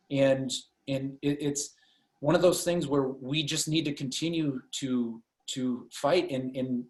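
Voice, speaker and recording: A man's voice: medium pitch, darkish tone. Iowa guy running for congress, lots of uhs and restarts, echoey room over a video call. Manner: halting, many fillers and restarts. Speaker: congressional candidate. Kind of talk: answering questions on a video call.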